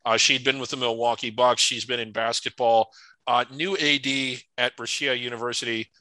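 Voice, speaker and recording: A man's voice: medium pitch, flat delivery, normal speed, pushed and bright, dry recording, low-quality recording. A man co-hosting a sports podcast, opinionated and prone to stumbling restarts. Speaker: podcast co-host. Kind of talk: casual sports podcast chat.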